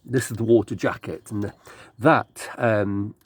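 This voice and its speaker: A man filming his own car repair on a cold morning, halting and stuttery from shivering, thinking aloud with many restarts. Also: lowish voice, fairly even intonation, husky, no echo. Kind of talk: rambling hands-on car repair vlog.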